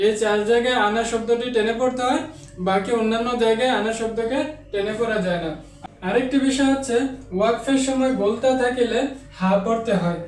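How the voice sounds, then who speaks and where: Man, Quran reading teacher, explains then chants examples, far from mic, echoey room. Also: extremely high pitch. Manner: explains rules slowly, then chants Arabic examples in a long melodic recitation. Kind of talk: online Quran reading lesson.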